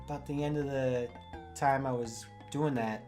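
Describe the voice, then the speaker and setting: A man co-hosting a casual comedy podcast, telling rambling deadpan tall tales with many fillers. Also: medium pitch, normal speed, faint music behind. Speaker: podcast co-host.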